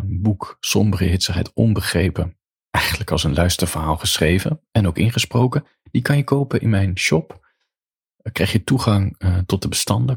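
A man softly reading his own short story aloud as a slow bedtime tale, close to the mic. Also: no room sound. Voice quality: deep gravelly voice. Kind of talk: intimate storytelling narration.

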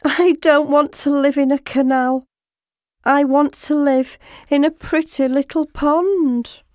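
A woman's voice: steady tone, slow pace, darkish tone, no room sound, clean studio sound. Woman voicing a panicky little frog. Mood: complaining. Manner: panicky, shrill cries. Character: nervous little male frog.

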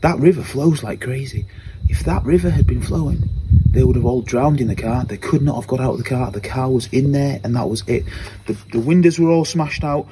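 A man's voice: medium pitch, a little fast, background noise. A man giving a spoken personal testimony at church, telling it earnestly and repeating phrases as he goes.

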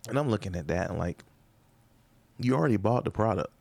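A man's voice: on the low side, lively intonation, a little fast, gravelly, a little mellow, no room sound. A man, a comedian hosting his own podcast, rambling through a comedic monologue with sarcastic asides and rhetorical questions.

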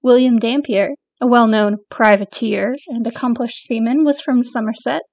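A woman from northern England hosting a podcast, reading prepared segments in a measured, informative way. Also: fairly high pitch, steady tone, a little mellow, no echo. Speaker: podcast host. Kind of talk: scripted podcast narration.

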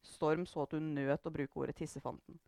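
A woman reading a novel aloud in measured narration. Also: low voice, steady tone, vocal fry, dark tone, dry recording, studio quality. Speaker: reader. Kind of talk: book reading.

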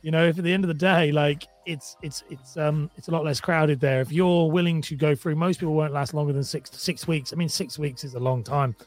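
A man's voice: on the high side, fairly even intonation, brisk, hardly any pauses, soft background music. A man hosting a casual interview, putting questions in a rambling, roundabout way.

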